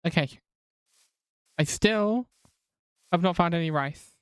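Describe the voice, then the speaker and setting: Recorded in studio quality with no echo, this gaming streamer has a fairly high, bright, smooth voice and speaks slowly with a non-rhotic English accent. His live-stream chat with viewers is casual, wry and self-deprecating, punctuated by frequent laughter.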